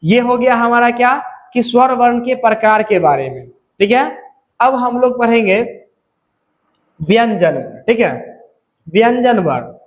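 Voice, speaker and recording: Man, high-pitched voice, teacher, slow repetitive lecture, frequent check-ins. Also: lively intonation. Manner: repeats key terms slowly, frequent "theek hai" checks. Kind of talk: classroom lecture.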